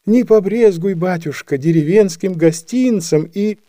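A man voicing an old peasant woman who pleads in a slow, sing-song lament. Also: high voice, mellow, dry recording, pitched above the performer's own voice. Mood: pleading.

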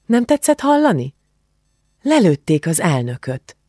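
A man's voice: a little high, huge pitch swings, dark tone, no echo, clean studio sound, pitched above the performer's own voice. A man voicing a startled, bewildered young woman who asks anxious questions in an audiobook.

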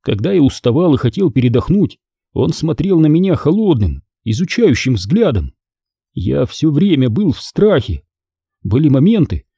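Man, dramatic audiobook narrator, husky and dark, close dry mic. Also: a little high, no echo. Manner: dramatic, tense storytelling.

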